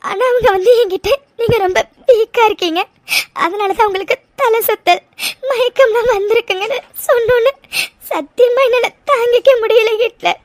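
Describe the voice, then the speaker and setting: A woman's voice: extremely high pitch, mellow, dry recording. A woman voicing a young cartoon wife who sobs and stammers as she speaks of longing for a baby. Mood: tearful. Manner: sobbing, halting speech. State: crying. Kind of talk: cartoon voice acting.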